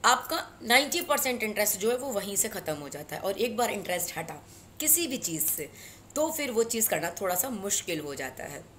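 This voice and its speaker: A woman with an Indian accent teaching a spoken English lesson, switching between Hindi and English and slowing down for English phrases. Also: medium pitch, big pitch swings, fairly bright tone, slight background noise. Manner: mixes Hindi and English, slow deliberate English phrases.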